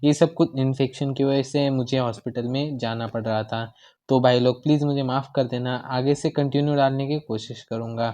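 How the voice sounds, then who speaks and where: A man narrates a manga episode in a relaxed recap, pausing now and then to voice what each character says. His voice is smooth and resonant at a middle pitch, recorded close on a home mic. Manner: retells scenes, briefly voicing each character's lines. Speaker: manga explainer.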